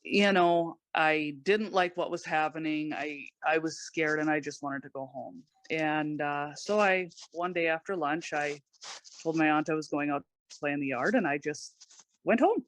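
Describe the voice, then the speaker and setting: A woman guest on a podcast, giving personal testimony in a halting way, with many pauses and restarts. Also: low voice.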